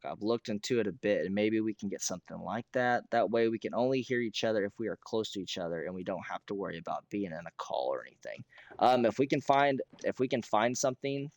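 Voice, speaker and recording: Casting: male American game streamer, lowish hoarse voice, rambling casual chat with throat clearing, dry close mic. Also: no room sound. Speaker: streamer hosting a Minecraft realm. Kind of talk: casual livestream chat while gaming.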